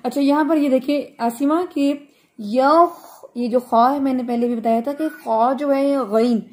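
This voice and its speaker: A woman's voice: high voice, steady tone, normal speed. A woman teaching Quran recitation, patiently correcting a student's pronunciation and chanting the verses melodically.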